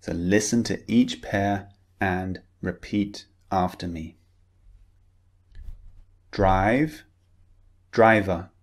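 A British man gives a pronunciation lesson in a deep, low voice. He talks slowly and deliberately, pausing to model words for the learner to repeat. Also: fairly even intonation, darkish tone. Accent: British English. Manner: slow, careful, encouraging delivery with drilled example words. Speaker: pronunciation teacher.

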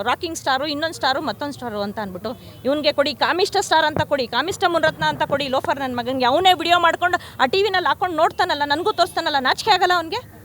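A woman's voice: sits high, fairly bright tone, slight background noise. A woman from Karnataka, speaking at a press conference and making fierce, repetitive accusations. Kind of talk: angry press statement.

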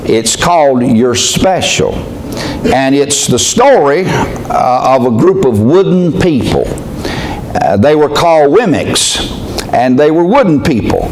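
A man's voice: mid-range voice, very animated, takes it slowly, a little mellow, a little hiss or hum. An older man, a pastor praying and then preaching in a folksy, storytelling way with frequent "uh" restarts. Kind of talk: prayer and sermon. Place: small church sanctuary. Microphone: pulpit mic. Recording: echoey church from camera.

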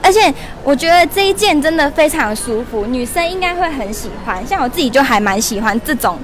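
A woman in her twenties hosting a lively livestream shopping promo in a mall store, chatty and laughing often. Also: sits high, fairly quick. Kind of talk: lively live-stream product promo. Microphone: wired lapel mic held in hand.

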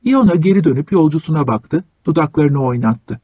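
A male audiobook narrator reads a short story in a measured, even way. His voice is husky and slightly high for a man. The recording is close, dry and a bit dull. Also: no echo. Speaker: audiobook reader.

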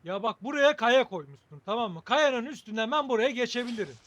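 A man with a high voice gives casual commentary on a video game as he plays. He thinks aloud in a wry, joking way, chatting to his viewers. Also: animated, brisk, fairly bright tone, no echo. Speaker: gaming video host.

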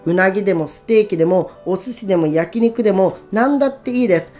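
A woman narrating a book summary in a calm, instructive, even reading voice. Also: mid-range voice, quick pace, soft background music. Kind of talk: scripted narration.

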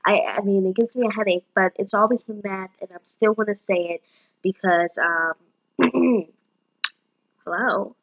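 Mid-range and a bit bright, her voice moves a little slowly through dull audio. The bubbly nineteen-year-old vlogger chatters and slips into bits of song, filming herself by webcam in a small room.

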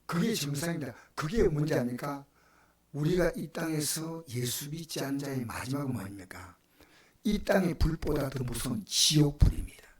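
An older man with a Gyeongsang Korean accent preaching a sermon as pastor, swinging from loud exclamations to hushed whispers. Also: fairly high pitch, expressive, normal speed, echoey room. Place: church sanctuary.

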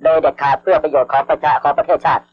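A man's voice: fairly high pitch, level tone, rapid-fire, a little hiss or hum. A man making a formal, polite public appeal over a radio broadcast, with some hesitations. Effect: heard over a radio broadcast. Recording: dull lo-fi archival radio broadcast.

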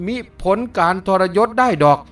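A man voicing a clever, sharp-tongued young heroine in an audiobook, calm and measured. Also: a little high, soft background music. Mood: gentle.

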